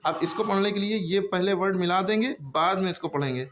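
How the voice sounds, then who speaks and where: Male teacher, patient, step-by-step, slightly high voice, faint hiss. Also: a little fast, fairly bright tone. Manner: patient, explains step by step, checks often. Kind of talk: handwriting lesson.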